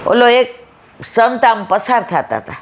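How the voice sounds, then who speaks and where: Animated woman preaching a satsang sermon. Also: on the high side, measured pace. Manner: animated storytelling, rhetorical questions, acts out dialogue. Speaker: satsang speaker. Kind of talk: devotional sermon with storytelling.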